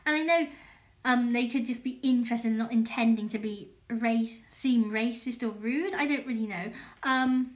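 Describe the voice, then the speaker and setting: A woman's voice: on the high side, moderate pace. A woman, talking candidly in a personal podcast monologue with lots of hesitant fillers and restarts. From England. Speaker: podcast host.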